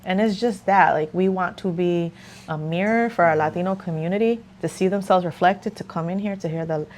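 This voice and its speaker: A woman's voice: fairly low pitch, fairly quick, darkish tone, a little hiss or hum. A woman co-owner of an arts studio, talking earnestly and casually in an interview, often repeating her points.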